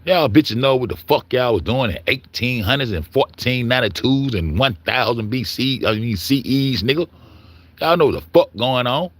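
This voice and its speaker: A man's voice: medium pitch, animated, moderate pace, dry recording. A man delivering a heated, profane monologue, stumbling over words and repeating himself as he argues his point. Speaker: commentator. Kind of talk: ranting monologue.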